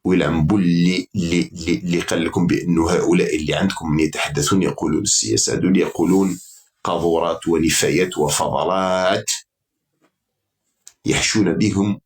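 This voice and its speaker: A man's voice: deep voice, fairly even intonation, fairly quick. A middle-aged man with an Algerian accent, delivering a heated, mocking political commentary peppered with insults. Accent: Algerian Arabic.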